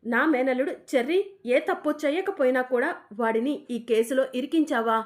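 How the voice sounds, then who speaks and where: A woman's voice: sits high, normal speed, natural voice. A woman voicing a stern middle-aged husband from a TV serial, accusing and scolding. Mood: angry.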